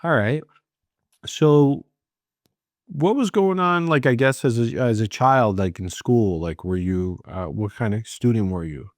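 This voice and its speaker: A man's voice: medium pitch, expressive, measured pace, no room sound, studio quality. A man hosting a podcast, asking friendly, rambling questions full of fillers. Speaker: podcast host. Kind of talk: casual interview chat.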